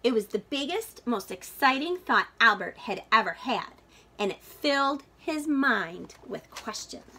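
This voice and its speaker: With a fairly high pitch and a breathy edge, this woman reads a picture book to children the way a teacher would. Her phrasing is expressive, deliberate and dramatic for a young audience.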